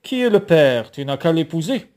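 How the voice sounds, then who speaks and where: Un homme qui lit un roman à voix haute et prête sa voix à une mère autoritaire et méprisante. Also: male voice, a little high, big pitch swings, normal speed, a little mellow.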